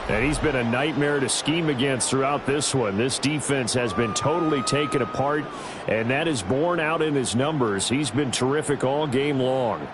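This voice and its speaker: A man playing a TV football commentator in a video game, with a brisk, measured broadcast delivery. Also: medium pitch, background noise, close to an everyday voice. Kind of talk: sports commentary.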